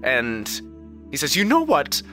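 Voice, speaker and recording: A man voicing a small, short-tempered and pompous male cleric official with a high, fussy, indignant voice. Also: wildly swooping pitch, a little slow, sharp tone, faint music behind, exaggerated voice. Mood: defensive.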